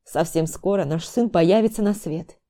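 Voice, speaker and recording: A gentle young husband, read by a woman, soft and soothing. His lines come in her own mellow, dark tone. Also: lowish voice, moderate pace, lightly acted. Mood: reassuring.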